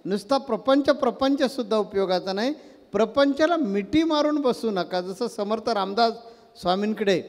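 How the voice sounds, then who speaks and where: A man delivers a devotional sermon in an unusually high voice, telling stories with animation. He fires rhetorical questions at the listeners as he teaches. His voice rings out with a long reverb, as in a large hall. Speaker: spiritual teacher giving a discourse.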